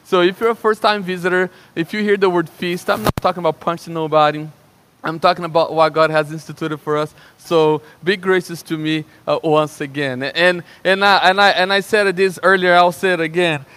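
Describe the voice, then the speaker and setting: Preaching briskly in a high-pitched voice, a young Brazilian pastor with a Brazilian Portuguese accent keeps his sermon lively and conversational. He restarts often and keeps asking "right?" to check in. A little hiss or hum is present.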